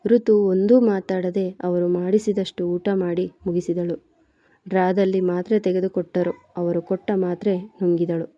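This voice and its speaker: A woman reads a serialized love story aloud in a steady, expressive manner. Her voice sits a little low for a woman. The recording is muffled and dry, close to the mic with no echo. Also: unhurried. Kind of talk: scripted story narration.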